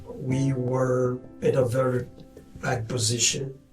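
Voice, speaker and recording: A man's voice: mid-range voice, flat delivery. Man, roomy and distant. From Haiti. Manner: measured, plain, with some hesitations. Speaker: guest, community director. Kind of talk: interview answers. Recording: roomy sound from a distance with faint music.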